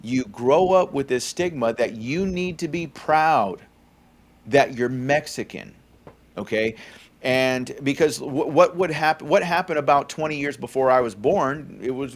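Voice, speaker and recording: Here a man from California, aged in his forties, delivers faith-centered commentary as a podcast co-host. He has a medium pitch and moderate pace, and his conversational talk leans on fillers and a frequent "okay?"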